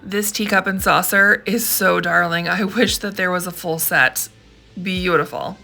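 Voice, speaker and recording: Bright-voiced gushing woman vlogger. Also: lowish voice, steady tone, unhurried, gravelly, soft background music. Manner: gushing, enthusiastic about each find. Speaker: thrifting vlogger, host. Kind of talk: casual vlog narration over shopping footage.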